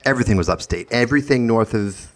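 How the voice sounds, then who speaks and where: A man's voice: mid-range voice, expressive, fast. A young man from Long Island, New York, co-hosting a podcast with wry, teasing questions in casual chat. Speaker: podcast co-host.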